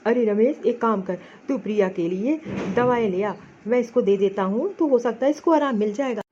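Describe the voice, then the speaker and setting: A woman's voice: fairly high pitch, normal speed, dark tone, slight background noise, natural voice. A woman playing a kindly cartoon father, lo-fi. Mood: soothing. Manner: coaxing, reassuring. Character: kindly older father, soothing and worried.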